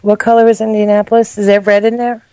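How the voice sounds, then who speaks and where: A woman's voice: medium pitch, flat delivery, fast talker, warm tone, no echo. A middle-aged woman chatting casually as a guest, hesitant and self-deprecating, often trailing off mid-thought. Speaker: guest making football picks. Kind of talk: casual chat.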